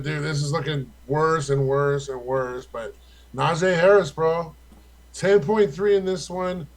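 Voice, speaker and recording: A man's voice: fairly high pitch, low-quality recording. A young man co-hosting a casual fantasy football chat, rattling off stats in a loose, profane way.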